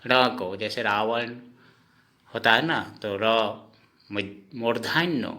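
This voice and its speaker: Slow, patient man teaching pronunciation. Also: medium pitch, pushed and bright. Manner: repeats each sound and asks his own questions; often says "okay friends". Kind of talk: slow spoken lesson.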